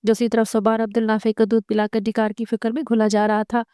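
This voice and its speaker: A woman reading a novel aloud in a steady narrating manner. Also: a little high, fast, clean tone, dry recording, clean studio sound. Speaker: novel reader.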